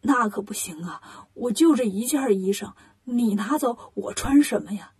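A woman voicing a timid, fretful old male monk in a storybook reading, speaking softly and meekly. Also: a little high, animated, normal speed, slightly rough, pitched below the performer's own voice, exaggerated voice. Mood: meek pleading.

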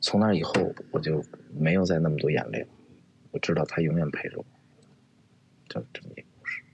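Low-voiced man telling a story haltingly. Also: highs cut off, slight background noise. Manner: halting, repeats words. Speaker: actor guest. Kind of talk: personal storytelling.

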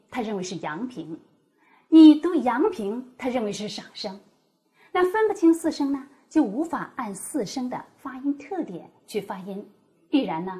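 A woman explaining Mandarin tones as a teacher, demonstrating each tone with exaggerated pitch. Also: mellow. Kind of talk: scripted teaching dialogue.

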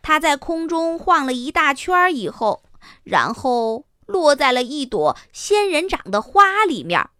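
A woman narrating a children's story in an expressive, sing-song manner. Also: high-pitched, a little slow, no room sound, clean studio sound.

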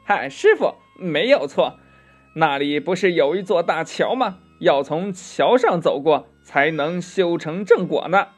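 A man's voice: on the high side, animated, slightly rough, faint music behind. A man doing a cheeky, cocky monkey king. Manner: brisk, teasing, confident.

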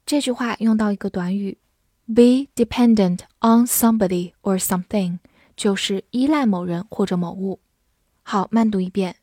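A woman with a dark-toned, mid-range voice, whose native language is Chinese, gives an English vocabulary lesson. She spells words patiently one letter at a time and reads example sentences slowly, recorded dry with clean studio sound.

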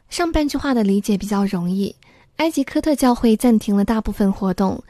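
Female English teacher, methodical voice-over lesson, mellow and a little high, dry close mic. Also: no echo. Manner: clear, methodical explaining; switches between Mandarin explanation and slow English reading. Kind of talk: scripted English lesson narration.

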